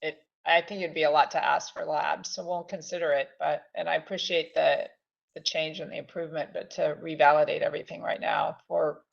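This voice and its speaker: A woman on a video call weighing a proposal, hedging and halting as she talks. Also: deep voice, flat delivery, gravelly. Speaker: committee member. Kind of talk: discussion in a video meeting. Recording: dull lo-fi audio.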